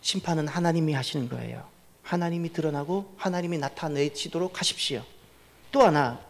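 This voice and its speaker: A male pastor preaching a sermon, pressing points with emphatic repetition and asking the congregation questions. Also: on the high side. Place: church sanctuary. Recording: long church reverb.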